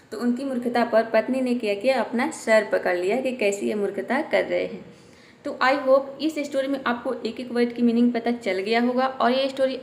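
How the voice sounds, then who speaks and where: A woman teaching English word by word, slowly repeating each word with its meaning. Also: fairly high pitch, roomy sound. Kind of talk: explaining English sentences word by word in Hindi.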